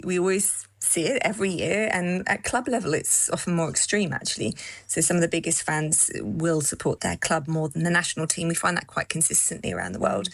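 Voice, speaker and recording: Female academic guest, low voice, articulate explanatory interviewee. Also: no room sound. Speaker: psychologist. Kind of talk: expert interview. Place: London studio.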